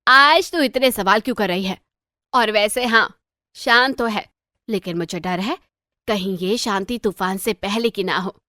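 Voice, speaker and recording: A woman voicing a sharp-tongued, middle-aged mother-in-law in a cartoon story, scolding and taunting. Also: mid-range voice, measured pace, dry recording, clean studio sound. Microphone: dry close voice-over.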